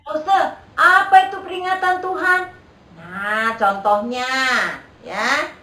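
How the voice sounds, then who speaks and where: Woman teacher for young kids, patient and coaxing, bright tone a bit high, echoey room, mic some way off. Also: steady tone, slow pace, far from the mic. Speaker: Sunday school teacher. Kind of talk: children's lesson over video.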